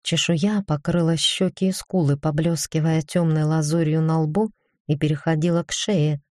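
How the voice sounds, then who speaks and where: A woman narrating a first-person fantasy audiobook in an even, measured reading. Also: sits low, dry recording, clean studio sound.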